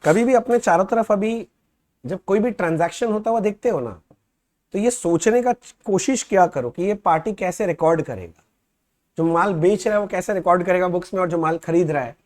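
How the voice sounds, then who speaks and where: Chatty Hindi-speaking accounts teacher. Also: male voice, high-pitched. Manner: conversational, reads questions aloud slowly and loudly. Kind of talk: classroom lecture.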